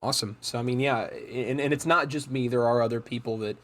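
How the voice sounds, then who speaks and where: A man's voice: mid-range voice, fairly even intonation, brisk, a bit bright. Rambling male streamer host. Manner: rambling, repeats words while framing questions. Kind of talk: casual interview chat.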